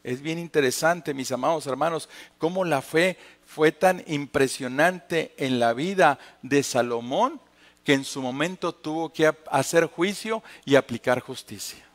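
A middle-aged man with a northern Mexican accent preaching a sermon, acting out voices and swinging between loud cries and hushed words. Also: fairly high pitch, a little slow, in a large hall. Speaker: pastor.

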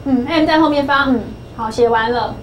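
A middle-aged woman with a high voice leads a classroom phonics lesson. She is patient and coaxing, repeating each point and drawing answers out of her students. A faint hiss sits under the recording. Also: brisk. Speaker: English phonics teacher.

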